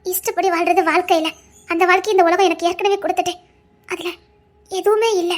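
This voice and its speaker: A young foreign girl, played by a woman, pleads in a very high, soft voice. Her tone is tearful and earnest, begging not to be scolded or sent away. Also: steady tone, brisk. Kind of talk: amateur romance drama acting.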